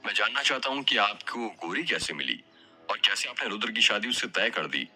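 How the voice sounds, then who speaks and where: A man's voice: lowish voice, animated, moderate pace, bright, forceful tone, soft background music, exaggerated voice. A man as a polite young police inspector. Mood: respectful. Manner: respectful, formal.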